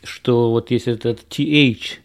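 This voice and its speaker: Russian-born man, mid-pitched and gravelly, casual rambling explainer who slips in English pronunciation drills. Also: fairly even intonation, takes it slowly. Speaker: author and programmer. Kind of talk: casual talk to viewers.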